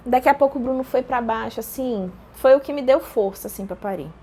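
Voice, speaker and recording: A young Brazilian woman casually telling a personal story, acting out her own shouted lines with laughter. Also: fairly high pitch, brisk, breathy edge. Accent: Brazilian Portuguese. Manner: animated, acts out quoted shouts with laughter.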